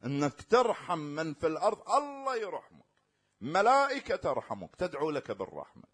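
Husky-voiced man preaching with emphatic swings. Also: very animated. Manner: emphatic, swinging between loud rising stresses and quiet low asides; slow drawn-out recitation of scripture. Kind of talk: colloquial religious sermon.

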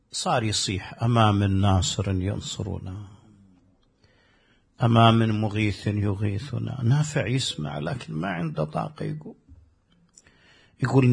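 A man's voice: mid-range voice, vocal fry, fairly bright tone, slightly rough. A man preaching a sermon, telling a story with passion and acting out the dialogue of the people in it. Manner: impassioned, acts out quoted dialogue with rising force.

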